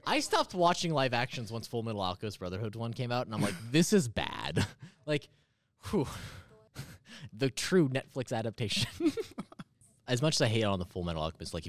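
A man's voice: lowish voice, very animated, brisk, no room sound. A man hosting a casual podcast chat, rambling with lots of fillers and laughter. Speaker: podcast host.

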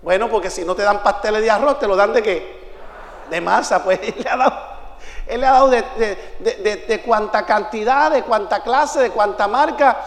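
High-voiced preacher in a hall. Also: male voice, moderate pace. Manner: storytelling, swings into shouts and song. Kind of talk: sermon. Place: church. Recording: long reverb of a church hall.

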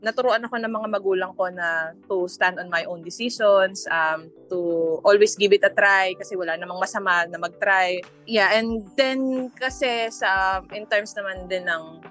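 A Filipino woman in her thirties answering as a podcast guest, mixing Tagalog and English in the same sentences and pausing to search for words. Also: mid-range voice, fairly bright tone, faint music behind. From Philippines. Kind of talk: conversational interview answers.

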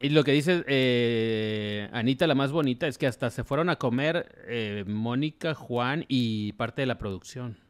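A man's voice: mid-range voice, smooth. Joking Mexican man co-hosting gossip. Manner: joking, prompts with quick questions and reads viewer comments. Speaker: entertainment show co-host. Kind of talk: casual gossip chat.

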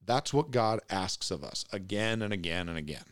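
A man's voice: low-pitched, expressive, normal speed, dry recording, clean studio sound. A pastor preaching a sermon, reading scripture aloud and explaining it plainly and earnestly to his congregation.

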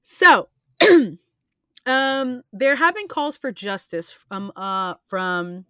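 A woman's voice: a little high, expressive, extremely slow, a bit bright, smooth, no echo, studio quality. Earnest rambling woman podcast host. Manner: earnest, rambling with many restarts and fillers. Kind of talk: casual podcast chat.

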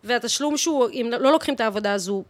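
A woman in her early thirties with a fairly high voice and an Israeli accent. She talks casually and emphatically, peppering her speech with slang and English swear words. The sound is close and dry. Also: no room sound. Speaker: guest singer, DJ and voice teacher. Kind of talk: casual podcast chat.

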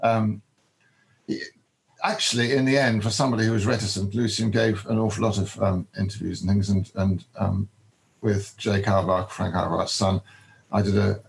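An older man, a biographer, answering interview questions in a halting way, with many ums and restarts. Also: on the low side, steady tone, creaky, low-quality recording.

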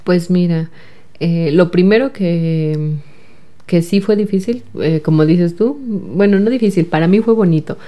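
A young woman, a recent engineering graduate, answers interview questions as a guest in a chatty style full of fillers and repeated words. She has a Mexican Spanish accent and a warm, low-leaning voice at a measured pace.

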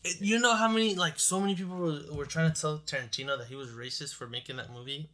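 Bright-voiced young man rambling in bro slang. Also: fairly high pitch, quick pace. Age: young adult. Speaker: podcast co-host. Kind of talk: casual chat about movies.

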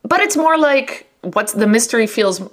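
A woman co-hosting a podcast, chatting in a casual, excitable way and laughing easily. Her voice is very animated, rising and falling widely in pitch. She talks like a science-minded professor sharing fun facts. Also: normal speed. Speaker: podcast co-host; physics professor. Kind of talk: casual chat.

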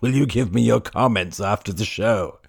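A man voicing a wheezy, croaking theatre director who takes snuff, in a storybook reading. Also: lowish voice, moderate pace. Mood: wry.

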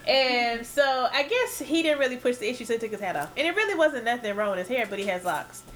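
Lively, chatty woman telling a story. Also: fairly high pitch, quick pace, a little hiss or hum. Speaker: podcast co-host. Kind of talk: casual storytelling chat.

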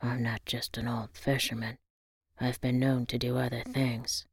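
A woman voicing a gruff, tender old fisherman grandfather in a hushed, breathy voice for an audio story. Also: very deep voice, level tone, unhurried, no room sound, studio quality, pitched below the performer's own voice, exaggerated voice. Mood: modest, gruff.

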